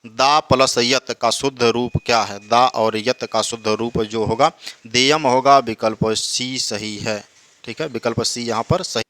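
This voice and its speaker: A man's voice: mid-range voice, steady tone, a bit bright, dry recording. A man teaching, reading each exam question and then explaining its answer. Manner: slow drawn-out recitation of verses.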